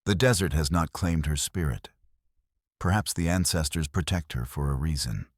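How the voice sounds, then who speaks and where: A man voicing a stern, weathered old Apache elder who speaks in a grave, measured, formal way. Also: very deep voice, no room sound, clean studio sound.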